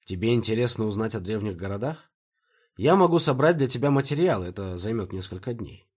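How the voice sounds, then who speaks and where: A man reading an audiobook, voicing a calm, bookish young translator who is patient and mildly sarcastic. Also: on the low side, fairly quick, husky. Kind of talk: audiobook character voice.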